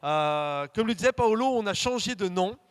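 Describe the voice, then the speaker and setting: A man's voice: high-pitched, animated, moderate pace, clean tone. A middle-aged man from France with a Saint-Étienne accent, a guest pastor opening a sermon in a chatty, hesitant way with many fillers. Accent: Saint-Étienne region French. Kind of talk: informal sermon introduction.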